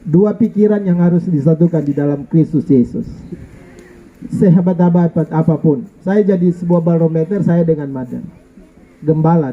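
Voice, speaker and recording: A man's voice: sits high, phone-quality sound. A middle-aged male pastor, preaching a jokey, playful sermon and calling for amens. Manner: jokey, playful, asks congregation for amen. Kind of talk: lively sermon. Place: church.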